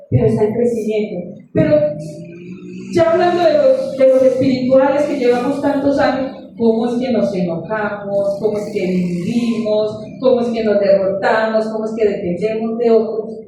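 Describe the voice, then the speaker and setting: A woman's voice: fairly high pitch, mellow, slight background noise. A woman preaching a sermon, earnest and story-driven, calling her congregation beloved. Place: church. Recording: echoey room, far from the mic.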